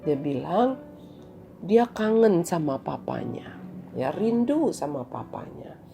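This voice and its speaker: A woman who used to teach gives a children's daily devotional talk, gently telling a story. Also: lowish voice, very animated, slow, vocal fry, faint music behind. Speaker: devotional speaker and former teacher.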